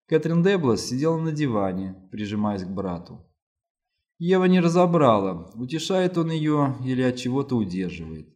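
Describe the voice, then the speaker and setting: Brief: male audiobook narrator, mid pitch, even, measured.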